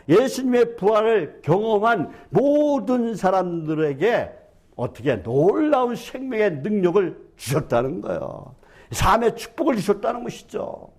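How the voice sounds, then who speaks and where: A male pastor preaches with fervor in a church sanctuary, his voice pitched high for a man. He keeps asking the congregation rhetorical questions and drops in a quick "yes" between phrases. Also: a little mellow. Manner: fervent, asks many rhetorical questions, fills with "yes". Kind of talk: sermon.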